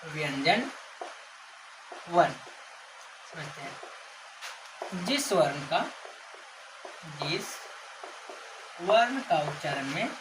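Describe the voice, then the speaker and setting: A woman's voice: sits low, lively intonation, drawn-out words, long pauses. Woman teacher, lesson for children, asks the class again and again, stretches words, noisy ambience behind. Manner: keeps quizzing the class with repeated questions; stretches out called names as examples. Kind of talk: Hindi grammar lesson for children.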